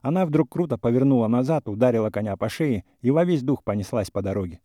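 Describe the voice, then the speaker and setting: A man narrating classic prose in a calm, even storytelling manner. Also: medium pitch, quick pace, no room sound, clean studio sound. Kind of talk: audiobook reading of classic prose.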